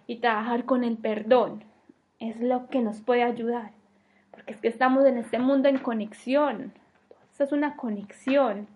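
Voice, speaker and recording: Woman, slow and heartfelt, reflective personal testimony, slightly high voice. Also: lo-fi sound. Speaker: personal storyteller.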